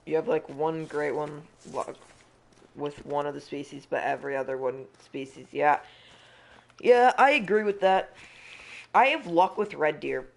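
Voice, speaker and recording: A man's voice: a little high, unhurried, gravelly, a little hiss or hum. A young man streaming a hunting game, chatting casually and rambling with restarts and frustration. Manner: rambling, self-interrupting, frustrated. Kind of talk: casual live-stream chat.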